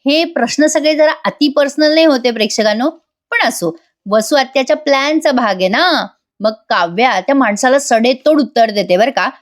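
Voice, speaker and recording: A woman's voice: high voice, expressive, moderate pace. A woman recording a chatty voice-over review of a TV serial episode, talking directly to her viewers.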